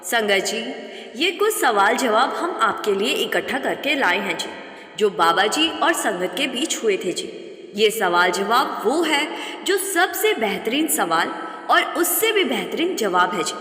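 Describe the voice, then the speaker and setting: A woman narrates devotional stories in a reverent, courteous voice. She sounds bright, fairly high and melodic. The recording is roomy, with a long reverb trailing each phrase. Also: very animated, unhurried. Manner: reverent, polite, ends phrases with respectful ji.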